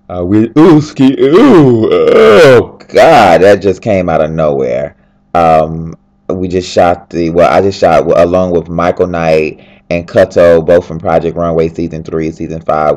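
Still groggy from sleep, this fashion designer lies in bed at home and talks breezily and at length into a handheld flip camera for an informal video diary. He has a deep voice with a somewhat dark tone.

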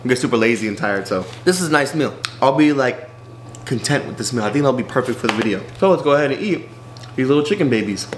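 A man's voice: medium pitch, animated, fast, background noise. A man in his twenties talking casually to a handheld camera, hyped and slangy, swearing freely about workouts. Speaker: fitness vlogger. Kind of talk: casual vlog talk. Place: car, gym and home.

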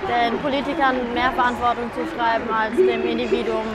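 Young woman, high voice, busy plaza. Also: fairly even intonation, brisk. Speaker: climate protester. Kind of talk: street interview. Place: large plaza outdoors. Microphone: lapel mic. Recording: outdoors with loud crowd and noise.

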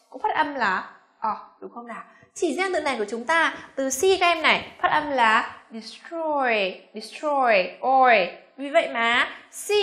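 Slow, high-voiced Vietnamese woman teacher. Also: bright, forceful tone, roomy sound. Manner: coaxing, repeats words slowly with many check questions. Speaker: English pronunciation teacher. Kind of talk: classroom pronunciation lesson.

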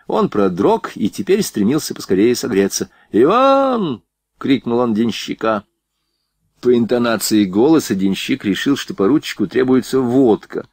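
A male audiobook narrator reading with expressive, animated intonation. The recording is dry and close, with no room sound. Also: medium pitch, dry recording. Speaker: audiobook reader.

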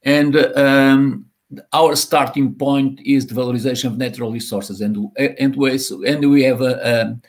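This is a Portuguese-accented guest professor in his sixties from Portugal, delivering a slide-based online university lecture on a video call. His medium-pitched voice stays steady while his speech is halting, with lots of repeated words and fillers; the audio comes from a laptop or webcam mic in a home or office room.

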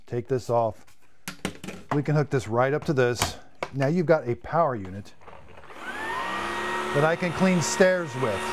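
Background noise accompanies this mid-range male voice, a fifty-something product reviewer showing off cleaning gear on a live stream. He's enthusiastic and talkative, repeats himself as he goes, and is losing his voice in a home studio stacked with vacuums.

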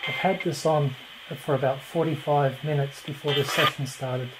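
A woman's voice: low voice, steady tone, moderate pace, very noisy. A woman leading a spirit box session, putting short, spaced-out questions to spirits. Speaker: paranormal investigator running a spirit box session. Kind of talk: slow questioning addressed to spirits. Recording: radio sweep sound behind the voice.

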